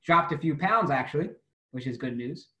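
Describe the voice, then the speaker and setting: A man's voice: a little high, animated, moderate pace, bright, forceful tone, echoey room, dull audio. Upbeat man hosting a video-call panel. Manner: upbeat, conversational. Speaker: webinar host.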